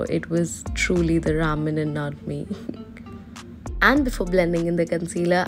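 A woman in her twenties with an Indian accent narrates a makeup tutorial. Her voice sits a little low, and her delivery is casual and expressive with a playful dramatic streak. Music plays behind the voice-over. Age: 20s. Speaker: beauty vlogger.

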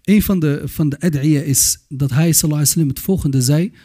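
A man's voice: on the high side, fast, warm tone. A man giving an earnest religious lecture to young people, admonishing them, mixing in Arabic phrases and often restarting his words. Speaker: Islamic youth lecturer.

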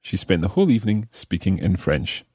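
A man's voice: sits low, big pitch swings, fairly quick, darkish tone, slightly rough, dry recording, clean studio sound. A man hosting a podcast grammar lesson, explaining patiently and step by step. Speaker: language teacher.

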